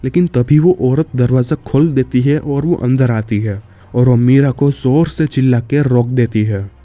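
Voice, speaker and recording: Dark-voiced man telling a horror story. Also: medium pitch, moderate pace, no echo. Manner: casual, addresses the listener directly.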